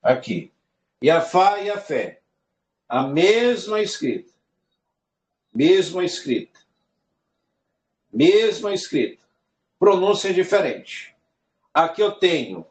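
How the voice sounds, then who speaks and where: Slow, repetitive man teaching a lesson. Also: sits high, very animated. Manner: slow, repeats words while explaining. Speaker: Hebrew teacher. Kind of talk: recorded online lesson.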